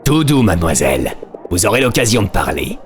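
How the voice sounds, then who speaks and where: A man voicing a stern female school principal in a husky smoker's voice while reading game dialogue. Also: lowish voice, sing-song, fairly quick, faint music behind, pitched below the performer's own voice.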